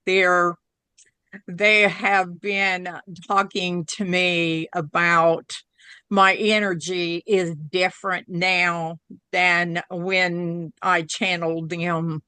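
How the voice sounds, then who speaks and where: A woman's voice: on the low side, little pitch movement, very slow, pushed and bright, smooth, no room sound. An older woman with an Oklahoma Southern twang and drawl, chatting casually. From Oklahoma, United States. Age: 60s or older. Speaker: spiritual channeler, guest. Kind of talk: casual chat.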